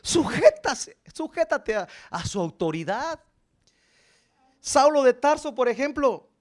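A man preaching a sermon, telling the story dramatically and asking the congregation questions. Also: high-pitched. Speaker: pastor.

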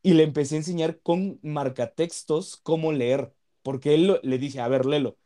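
Man, young adult, mellow dark tone, earnest, halting, casual chat. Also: on the high side. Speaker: law student. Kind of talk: casual conversation.

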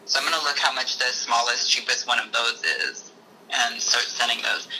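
A man's voice: mid-range voice, steady tone, normal speed, bright, forceful tone, a little hiss or hum. A man calling in on speakerphone to a podcast, chatting casually and rambling with frequent laughs. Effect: on speakerphone over a phone call. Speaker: podcast co-host. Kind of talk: casual chat.

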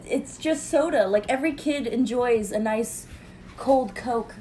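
A woman's voice: on the high side, measured pace, warm tone, slight background noise. Sarcastic young woman telling a story. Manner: storytelling, mimics others in quoted dialogue, sarcastic. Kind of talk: casual chat.

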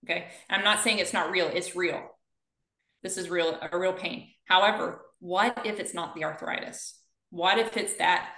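A woman physical therapist tells stories with energy during a conversational interview, acting out the dialogue she quotes. Her voice is lowish and fairly bright, and the room sounds echoey.

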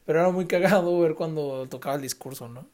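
A young man with a Mexican Spanish accent tells stories on his podcast. He talks loosely and full of slang, and he keeps slipping into the voices of the people he quotes. His voice sits a little high. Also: quick pace, a little mellow. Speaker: podcast host. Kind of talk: casual storytelling.

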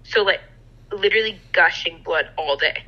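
A woman's voice: on the low side, moderate pace, breathy edge, lo-fi sound. A young woman co-hosting a podcast, chatting casually and swearing freely. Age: young adult. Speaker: podcast co-host. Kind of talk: casual chat.

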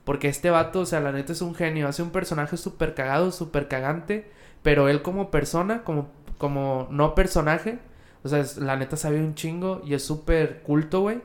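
A man's voice: fairly high pitch, normal speed. A man with a Mexican Spanish accent, co-hosting a podcast in slangy, rambling casual chat. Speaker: podcast co-host.

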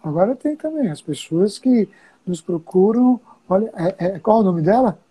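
A Brazilian woman speaks as a Buddhist teacher in relaxed conversation. Her voice is very dark and mellow, with a husky edge. She tells stories in an unhurried way, chuckling as she goes. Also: mid-range voice, rough recording. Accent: Brazilian Portuguese. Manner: storytelling, chuckles often, drawn-out pauses. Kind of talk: casual conversation.

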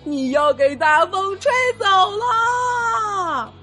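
A woman's voice: very high voice, extremely slow, bright, forceful tone, raised voice, soft background music, pitched above the performer's own voice, exaggerated voice. A woman voicing a young male elephant cousin who calls out in a plaintive wail, in a storybook reading. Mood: pleading.

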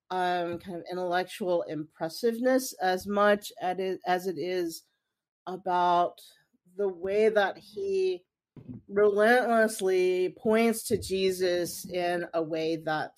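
A woman speaks slowly in a lowish voice. She is a guest on an interview, answering questions about theology. She is reflective, and her answers are broken by pauses and "um". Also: a little mellow. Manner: thoughtful, hesitant with many fillers.

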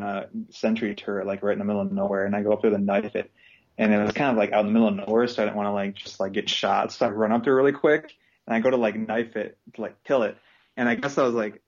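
Foul-mouthed, animated man telling stories. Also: fairly low pitch. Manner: animated, profane storytelling with yelled impressions. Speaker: podcast host. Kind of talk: casual chat. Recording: dull lo-fi podcast audio.

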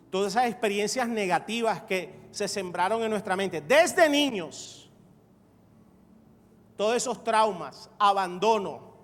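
High-voiced man preaching in reverberant hall. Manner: emphatic, repetitive, rising to shouts. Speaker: pastor. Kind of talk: evangelical sermon. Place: church sanctuary. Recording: reverberant hall with faint music.

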